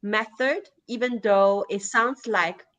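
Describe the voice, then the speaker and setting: A native Chinese speaker with a Chinese accent, a woman appearing as a guest poet, answers interview questions haltingly with many fillers and restarts. Her voice is medium-pitched and a bit bright, and the recording is muffled.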